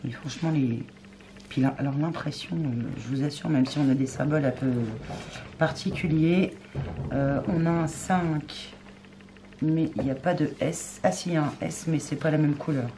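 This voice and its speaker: Soft-spoken woman chatting over background noise. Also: sits low, normal speed, poor audio. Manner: chatty, often murmured and soft, thinking aloud with many fillers. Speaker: crafts video host. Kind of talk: casual unboxing chat.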